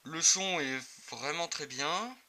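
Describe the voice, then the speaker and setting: Speaking slowly in a fairly high, sharp voice, a motorcycle gear reviewer demonstrates a product hands-on. The demo is casual, improvised and a bit hesitant, captured in a clearly noisy amateur recording.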